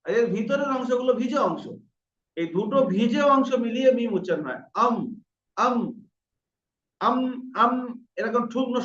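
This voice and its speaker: A man with a fairly high voice teaches pronunciation, patiently repeating each sound to show how it is made. He sits back from the microphone in a roomy space, and the recording sounds muffled and lo-fi. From India. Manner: patient, repeats sounds slowly to demonstrate them. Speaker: Quran recitation teacher. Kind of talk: online lesson on pronunciation. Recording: roomy, distant, dull lo-fi sound.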